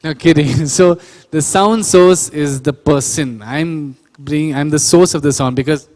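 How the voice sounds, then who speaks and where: At a measured pace, a man with a fairly high, slightly mellow voice explains sound engineering step by step in a workshop held in a church hall or auditorium. A long reverb tail trails his words as he corrects himself and questions the audience.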